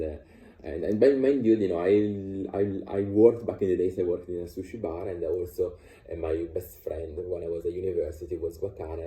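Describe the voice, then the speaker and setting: In an echoey room, an Italian man vlogs his views in a relaxed, unscripted monologue with lots of fillers and false starts. His voice is deep and warm.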